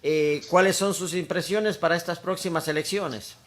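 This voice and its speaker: A man's voice: fairly high pitch, fairly even intonation, normal speed, fairly bright tone. A man hosting a political interview, polite and formal, often agreeing briefly. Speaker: interviewer, host.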